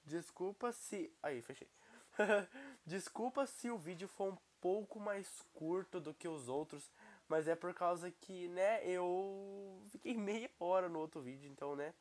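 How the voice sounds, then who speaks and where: Excitable young Brazilian gamer with a cold. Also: male voice, high-pitched, unhurried. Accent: Brazilian Portuguese. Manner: excitable, exclaiming at the screen. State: has a cold. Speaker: gaming YouTuber. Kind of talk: casual gameplay commentary.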